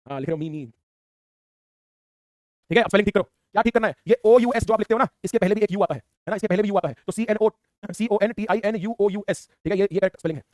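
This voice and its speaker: Rapid-fire playful male teacher. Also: high-pitched, dry recording, clean studio sound. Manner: teasing, playful, repetitive tag questions. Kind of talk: fast online class lecture.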